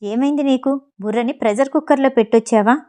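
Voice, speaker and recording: Woman reader doing a pushy young gamer, fast scolding. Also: very high-pitched, mellow. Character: young male gamer, loud and bossy.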